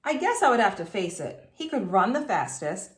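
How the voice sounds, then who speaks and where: Teacher lady reading a story to the class, expressive, chatty little asides, kinda echoey room. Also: medium pitch, normal speed. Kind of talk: reading a storybook aloud to students.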